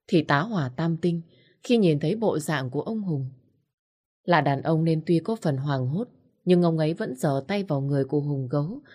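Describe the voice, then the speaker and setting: Low-voiced woman narrating a drama. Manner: measured, expressive reading. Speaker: storyteller.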